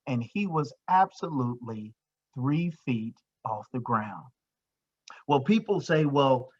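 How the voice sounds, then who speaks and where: A man's voice: a little high, fairly bright tone. A man giving an emphatic motivational talk, repeating his points and using many fillers, in a dull lo-fi recording. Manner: emphatic and repetitive, with frequent fillers. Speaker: motivational speaker.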